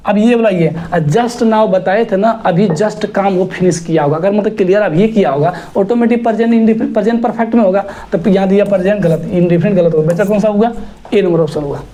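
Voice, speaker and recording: A man's voice: high voice, a little fast. Teasing male grammar teacher. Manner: teasing, scolding rhetorical questions; lively, spells words letter by letter. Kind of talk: exam-prep grammar lesson.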